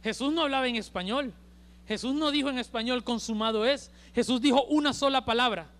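A male preacher with a Honduran accent delivering an emphatic sermon at a church service, swinging between loud and hushed. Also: very high-pitched, brisk. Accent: Honduran Spanish.

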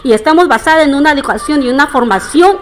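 A woman's voice: sits high, lively intonation, quick pace. A middle-aged woman making an indignant, formal public statement, addressing her townspeople directly. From Peru. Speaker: interviewee.

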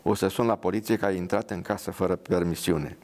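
A man's voice: low-pitched, steady tone, a little mellow, lightly acted. A man voicing a bitter, paralysed young soldier who speaks angrily and sarcastically. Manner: angry, sarcastic.

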